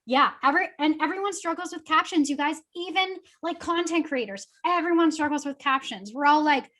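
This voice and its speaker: A high-pitched young woman talks fast and loose, full of fillers and upbeat energy. She coaches an audience in a casual, friendly webinar tone. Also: a bit bright. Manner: chatty, upbeat, filler-heavy. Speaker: guest social media coach.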